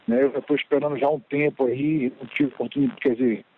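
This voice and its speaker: A man's voice: medium pitch, steady tone, very fast. A man, a fighter, answering a reporter's question over a conference call phone line, hesitant and thinking aloud with fillers. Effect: heard over a phone conference line. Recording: tinny phone line with faint hiss.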